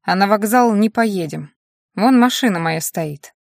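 A woman reading the part of a gruff, world-weary man in an audiobook, grumbling and low-key. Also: lively intonation, measured pace, no echo, clean studio sound.

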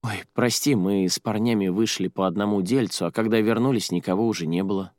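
A man's voice: lowish voice, brisk, darkish tone, no room sound, studio quality, lightly acted. A man reading the part of a friendly, easygoing young male student in an audiobook.

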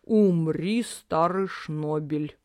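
A reader voicing a drunk father who rambles loudly in a storybook reading. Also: mid-range voice, takes it slowly, no room sound, studio quality. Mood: drunken.

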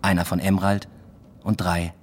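A male actor whose voice sits low delivers a flat, measured first-person narration as a reserved young man talking about a new love affair in a radio drama, where he is both narrator and lead. He sounds reflective, understated and matter-of-fact, over a little hiss or hum.

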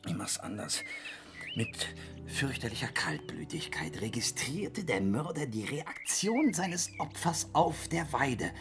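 An actor in a radio play as a self-absorbed, grumpy male crime writer, theatrical and halting as he mutters corrections. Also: a little high, sing-song, music in the background, heavily acted. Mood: absorbed, irritable.

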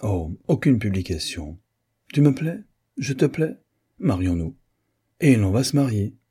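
A man reading an audiobook, voicing a lively, frank divorced American woman in a brisk, animated manner with a husky voice. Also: on the low side, pitched above the performer's own voice, heavily acted. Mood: playful.

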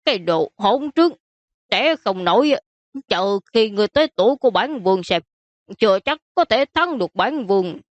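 A woman voicing a vain, plump older prince who grumbles in a slow, huffy way. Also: mid-range voice, expressive, no room sound, muffled recording, lightly acted. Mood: grumpy.

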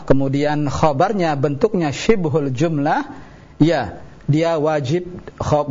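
Husky-voiced male teacher on radio. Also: on the high side, darkish tone. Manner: patient, explains step by step, corrects callers. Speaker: Arabic grammar teacher. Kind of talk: radio call-in lesson. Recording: muffled radio broadcast.

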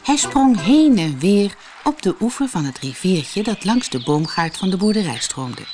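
A woman reading a children's storybook aloud in an expressive, sing-song way. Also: mid-range voice, normal speed. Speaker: audiobook reader. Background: music.

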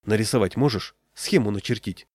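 A man voicing a slow-witted, cautious union chairman who talks bluntly and matter-of-factly, recorded dry and close. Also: fairly low pitch, a little mellow, dry recording, lightly acted.

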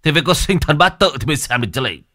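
Narrator as a fussy, stammering fortune-teller, bright tone. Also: male voice, fairly high pitch, animated, very fast, no room sound, studio quality, pitched above the performer's own voice. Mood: flustered. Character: flustered middle-aged male fortune-teller.

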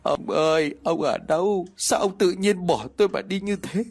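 A man voicing a grieving old grandmother whose voice is worn hoarse from crying. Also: high-pitched, normal speed, a little mellow, soft background music, voice pushed up, exaggerated voice. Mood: anguished pleading. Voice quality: hoarse from weeping.

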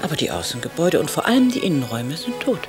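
An actress playing a witty woman novelist, reading her letters in a dry, ironic, softly spoken voice over faint music. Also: deep voice, sing-song, racing. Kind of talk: radio drama reading of letters.

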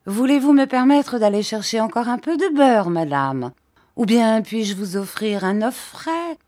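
A woman's voice: a little high, lively intonation, measured pace, darkish tone, voice pushed up. A woman reading an audiobook voices a fussy, fawning older landlady who simpers her offers. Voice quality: obsequious, simpering.

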